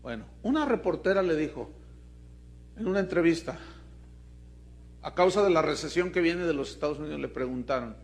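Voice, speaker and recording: A man's voice: on the high side, lively intonation, fairly quick, long pauses. A man with a Mexican accent preaching a sermon to his congregation, emphatic and full of questions to the listeners. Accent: Mexican Spanish. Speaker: pastor.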